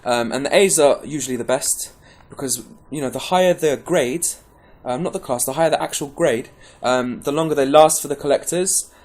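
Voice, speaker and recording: A man's voice: mid-range voice, moderate pace, hardly any pauses, darkish tone. A man giving a casual, rambling gameplay tutorial, chatty and full of restarts. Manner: caffeinated, pepped up. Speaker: game guide presenter.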